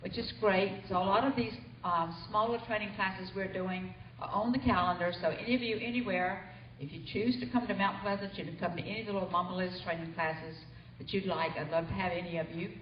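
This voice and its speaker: A woman's voice: mid-range voice, fairly even intonation, a little fast, a little hiss or hum. A woman giving chatty, informal training announcements at a company meeting in a hotel meeting room. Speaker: training coordinator. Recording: distant, roomy, dull hall recording.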